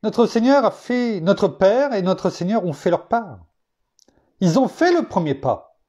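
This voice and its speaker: Mellow-voiced male preacher. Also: big pitch swings, a little slow. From France. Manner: emphatic, swings to a higher pitch to stress points; reflective teaching with personal anecdotes. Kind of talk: sermon.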